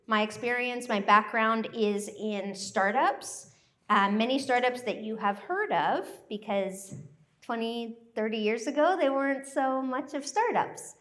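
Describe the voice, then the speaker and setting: An American woman who grew up in Thailand, giving a joyful, animated live presentation to a workshop group. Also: on the high side, unhurried. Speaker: workshop speaker.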